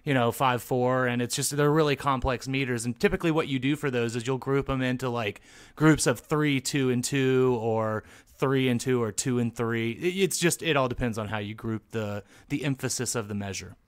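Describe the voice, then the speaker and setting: A man's voice: mid-range voice, fairly even intonation, moderate pace, smooth. A man, a musician guest, chatting casually about music.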